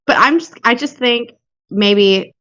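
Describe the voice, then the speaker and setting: A woman hosting a casual true crime podcast chat, blunt and quick to swear. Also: a little high, fairly bright tone, no room sound, lo-fi sound. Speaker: podcast host.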